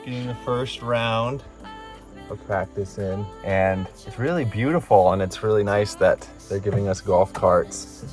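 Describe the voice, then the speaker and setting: A man's voice: lowish voice, a little slow, long pauses. Young male vlogger, outdoors, casual and self-mocking, music bed underneath. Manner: laid-back, jokey, laughs at his own bits. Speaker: disc golf pro vlogging a tournament. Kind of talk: casual vlog narration. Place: outdoors on a disc golf course.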